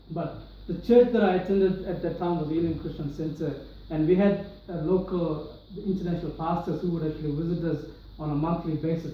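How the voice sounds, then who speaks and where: Earnest but mellow, a young Sri Lankan man's slightly high voice carries his personal testimony to an audience in a large room, broken up by frequent restarts and fillers. He sounds far away in the echoey hall, with slight background noise.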